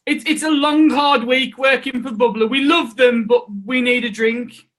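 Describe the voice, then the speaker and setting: A man's voice: very high voice, fairly even intonation, normal speed, fairly bright tone, low-quality recording. A man co-hosting a casual live-stream chat over a video call, joking and laughing often. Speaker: co-host.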